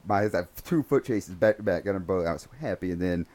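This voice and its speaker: Deep-voiced man telling animated stories. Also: fast. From United States. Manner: animated storyteller, acts out voices in quotes. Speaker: podcast host, former police officer. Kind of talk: casual storytelling chat.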